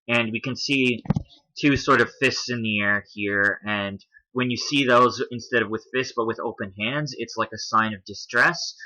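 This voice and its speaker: Sharp-toned man explaining step by step. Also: medium pitch, moderate pace, rough recording. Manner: explains step by step, spells out letters, often hedges with "if you will". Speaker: video commentator. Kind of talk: casual explanatory commentary over images.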